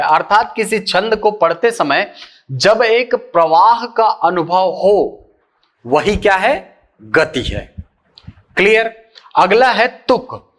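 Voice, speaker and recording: A teacher gives an exam-prep lecture, repeatedly posing rhetorical questions and answering them himself while slowly drawing out the key terms. His voice sits high and sounds a bit bright.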